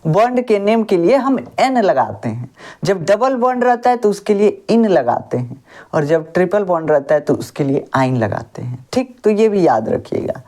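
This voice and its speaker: A woman's voice: lowish voice, big pitch swings, normal speed, warm tone. A woman teaching a school chemistry lesson. She speaks in a folksy way, calls her students babu, and asks the class questions that she answers herself. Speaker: science teacher.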